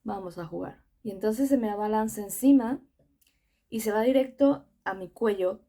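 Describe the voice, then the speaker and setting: A woman's voice: a little high, normal speed, warm tone. A young woman with a Mexican Spanish accent, earnestly telling her own story to camera in a conversational way. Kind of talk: personal testimony.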